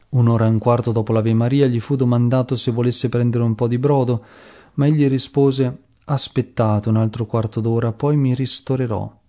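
Reverent man with a warm, dark voice. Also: mid-range voice. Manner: slow, measured and reverent. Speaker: devotional reader. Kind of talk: devotional reading of a saint's life.

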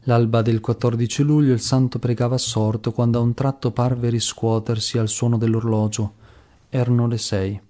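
A man reads the life of a saint aloud with devotion. His voice is warm and mellow. He sets each phrase down slowly and reverently. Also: medium pitch, little pitch movement. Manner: slow, measured and reverent. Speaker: devotional reader.

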